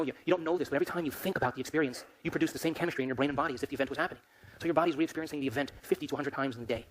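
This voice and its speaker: Male motivational speaker, mid-pitched, talks very fast, keeps quizzing the crowd. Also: slight background noise, rough recording. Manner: rapid, emphatic, quizzes the audience with questions. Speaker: lecturer. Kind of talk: motivational lecture to a live audience.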